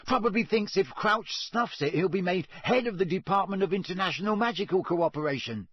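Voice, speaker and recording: A man's voice: high voice, animated, a little fast, a bit bright, husky, no room sound, studio quality, voice pushed up, heavily acted. Ron, a man doing a cheeky teenage boy. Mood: teasing. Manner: teasing, sarcastic. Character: cheeky teenage schoolboy, mocking and joking.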